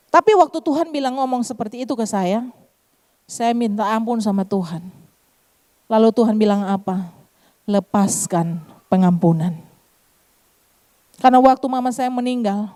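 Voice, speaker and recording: A middle-aged woman pastor with an Eastern Indonesian accent delivers a sermon woven with her own testimony. Her voice sits a little high yet sounds warm and mellow. She keeps calling out to the congregation as she speaks. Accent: Eastern Indonesian, Kupang Malay. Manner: addresses congregation as "saudara" often.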